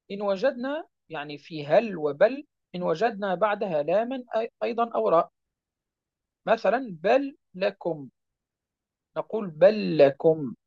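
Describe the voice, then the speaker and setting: A man teaching a tajweed lesson, explaining rules patiently and drawing out example words slowly. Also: high voice, vocal fry, a little mellow, no echo. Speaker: Quran recitation teacher. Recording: dry, dull lo-fi sound.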